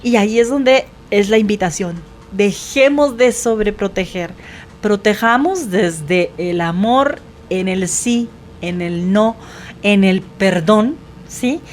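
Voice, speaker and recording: A woman's voice: mid-range voice, slow. Woman, guest counselor, patient earnest explainer, faint background noise. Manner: earnest, explains patiently, often asks "verdad?". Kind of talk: advice in conversation.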